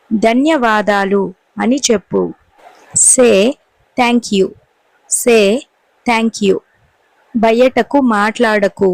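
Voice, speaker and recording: A woman teacher, reading short English sentences slowly and clearly and repeating each one for learners. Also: fairly high pitch, no room sound, rough recording. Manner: says each Telugu sentence briskly, then repeats the English twice, slow and clear. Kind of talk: language lesson.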